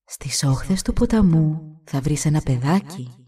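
A woman voicing the eldest goddess of fate, speaking slowly in a whisper. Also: sits low, animated, mellow, slightly rough, recorded from a distance. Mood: solemn. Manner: slow and whispery.

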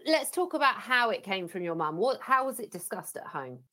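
Woman podcast host, mid-pitched, upbeat and clear, scripted intro then interview questions. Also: sing-song, moderate pace, sharp tone.

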